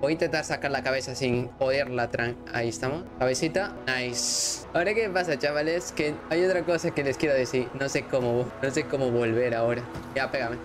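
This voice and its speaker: A man giving excitable let's-play commentary as a gaming YouTuber, chatting to his viewers with sudden outbursts. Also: mid-range voice, brisk, few pauses, over music.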